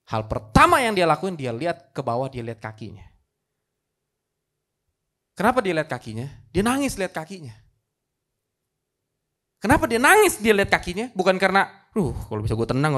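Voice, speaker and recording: A man's voice: fairly high pitch, fairly bright tone. A male pastor preaching a live church sermon, telling a story dramatically and rising to emphatic peaks. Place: church service, recorded live.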